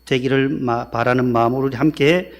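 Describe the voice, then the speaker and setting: A man's voice: mid-range voice, steady tone, a little fast, creaky. Pastor joking with his congregation. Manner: joking warm-up before the sermon. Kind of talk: sermon.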